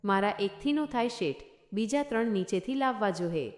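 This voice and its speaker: A woman's voice: medium pitch, animated, moderate pace, close to an everyday voice. A woman voicing a cheeky working-class male porter who haggles in a blunt rustic dialect. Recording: echoey room.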